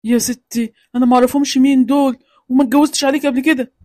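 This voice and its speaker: A woman's voice: sits high, fairly even intonation, very fast, mellow, no echo, clean studio sound. A woman voicing an Egyptian-accented middle-aged man who brusquely denies knowing his daughters, with music behind. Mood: annoyed. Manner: brusque, dismissive.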